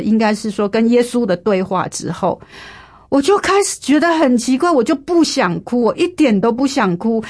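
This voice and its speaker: A woman's voice: on the high side, a little mellow. A woman in her fifties earnestly sharing a personal faith testimony in an interview, repeating herself and using many fillers. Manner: earnest, emotional storytelling with frequent fillers and repetition.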